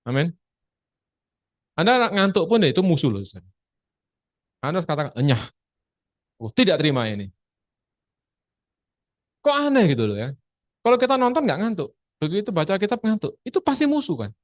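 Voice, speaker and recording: A man with an Indonesian accent teaching a church lesson on prayer over a video call, urging and acting out forceful commands. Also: high voice, big pitch swings, fast, pauses often, dry recording, clean studio sound. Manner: exhorting, mixes English quotes into Indonesian, demonstrates commands loudly. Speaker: Bible teacher.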